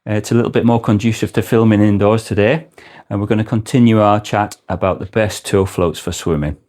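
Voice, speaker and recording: A man's voice: on the low side, fairly even intonation, brisk, a little mellow. A man giving an informal product explanation as a presenter, speaking indoors in a shop.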